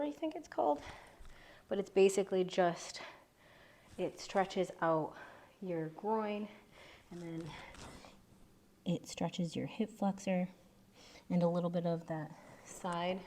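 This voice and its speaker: A woman in her thirties guiding a relaxed mobility flow, talking softly and breathily with many half-whispered cues. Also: lowish voice, a little hiss or hum. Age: 30s. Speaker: yoga instructor.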